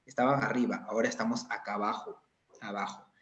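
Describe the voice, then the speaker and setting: A man's voice: fairly low pitch, steady tone, quick pace, a bit bright. A male anatomy lecturer explains slides step by step and keeps checking in with his students. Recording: echoey, dull lo-fi sound.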